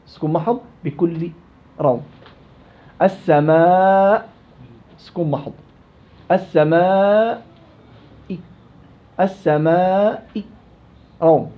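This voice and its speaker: A Quran recitation teacher runs a tajweed class, quizzing his students and drilling examples out loud. His voice is a little high and his speed normal, though he pauses often. The classroom recording is dull and lo-fi.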